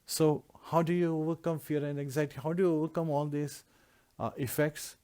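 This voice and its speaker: A man's voice: a little high, little pitch movement, fairly quick, warm tone. A man giving a devotional scripture class, explaining Sanskrit verses word by word in earnest preaching tones. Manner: earnest preaching with repeated lists.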